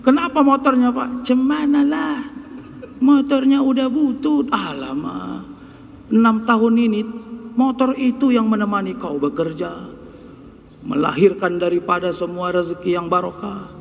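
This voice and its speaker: Male preacher, high voice, acts out dialogue, long mosque reverb. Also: lively intonation, moderate pace, gravelly, highs cut off. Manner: storytelling, acts out students and worshippers in dialogue; teasing, colloquial asides to the congregation. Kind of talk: dawn mosque sermon.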